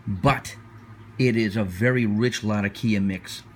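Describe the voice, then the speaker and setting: A pipe tobacco reviewer with a lowish voice gives a casual, unscripted product review at a slightly slow pace. He is hesitant and often repeats himself while searching for words. Background noise is noticeable in the recording.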